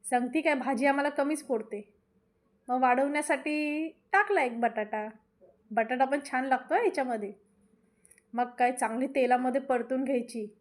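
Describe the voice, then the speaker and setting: Chatty high-voiced woman cooking host. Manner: chatty and homely, talks straight to viewers. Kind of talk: casual voice-over cooking vlog.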